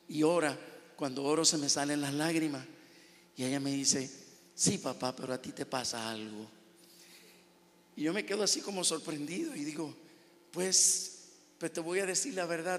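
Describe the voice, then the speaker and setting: A middle-aged man, a pastor, giving an earnest testimony with halting, repeated words. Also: fairly high pitch. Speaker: pastor and businessman. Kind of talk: testimony in a sermon. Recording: long hall reverb.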